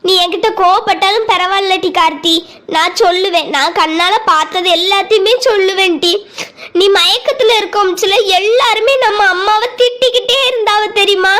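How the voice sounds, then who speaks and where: A woman's voice: very high-pitched, normal speed, fairly bright tone. A woman voicing a caring, bossy teenage girl in a cartoon, who talks urgently and tries to persuade.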